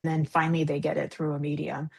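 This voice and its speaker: A woman with a low voice and a gravelly edge talks earnestly as a guest medium. She is reflective, and she laughs easily between her thoughts. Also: monotone, quick pace, a little mellow. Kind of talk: casual podcast conversation.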